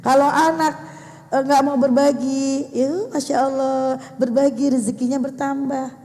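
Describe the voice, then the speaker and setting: An older woman giving an animated religious talk to a gathering of mothers, speaking to them directly. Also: high-pitched, measured pace. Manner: animated, addressing the mothers directly, acting out how to speak to children. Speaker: religious teacher. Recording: echoey hall sound.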